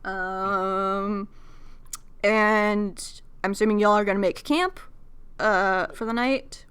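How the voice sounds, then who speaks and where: Bright-voiced woman running a tabletop game. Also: mid-range voice, steady tone, clean tone. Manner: casual and halting, full of "uh" and "like", swears freely. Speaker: game master. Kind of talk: narrating a tabletop game over voice chat.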